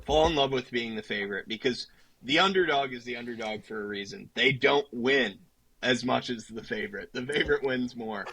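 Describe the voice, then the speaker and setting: A young man co-hosting a sports podcast, making confident points in a casual, somewhat halting way. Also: medium pitch, pushed and bright, husky, dry recording, low-quality recording. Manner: confident, a bit halting with fillers. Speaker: podcast co-host.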